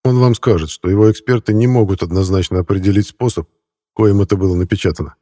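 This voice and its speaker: A man's voice: deep voice, quick pace, dark tone, dry recording, clean studio sound. A man reading the lines of a young man from the future, earnest and explaining, prone to furious outbursts. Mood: explaining calmly.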